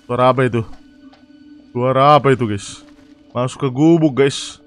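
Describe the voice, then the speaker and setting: A young man casually commentating a horror game live, chatty and excitable, reading chat and yelling at scares. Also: mid-range voice, moderate pace, clean tone, faint music behind. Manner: excitable, chatty, reacts loudly to scares and reads chat aloud. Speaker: gaming streamer.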